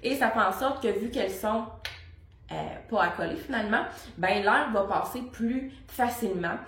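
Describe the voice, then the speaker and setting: A woman's voice: fairly high pitch, normal speed, a bit bright. A young adult woman with a Québécois French accent, a voice coach explaining technique casually with many fillers and brief sung demonstrations. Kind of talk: vocal lesson to camera. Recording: roomy echo.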